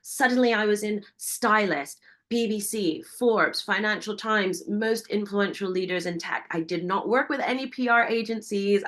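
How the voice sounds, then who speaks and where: A woman, a founder giving a fast, enthusiastic webinar presentation and asking her audience many questions. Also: mid-range voice, a bit bright. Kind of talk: energetic business presentation.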